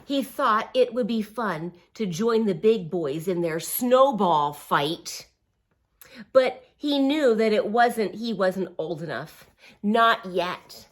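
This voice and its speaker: Using a mid-range voice, a woman reads aloud from a picture book for young children. She keeps it simple and encouraging, with expressive emphasis and little asides and questions along the way.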